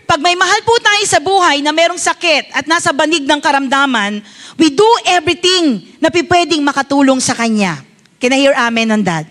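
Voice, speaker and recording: A woman's voice: high-pitched, a bit bright. A woman pastor with a Filipino accent preaching a sermon, telling a story as a mother and often asking her congregation for agreement. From Philippines. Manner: tells a personal story as a mother.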